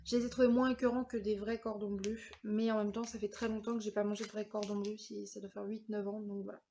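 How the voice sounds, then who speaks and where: A woman's voice: mid-range voice, level tone, fast, warm tone, slight background noise. A woman in her thirties from France, chatting casually through a product review vlog with many fillers and hesitations. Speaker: vlogger.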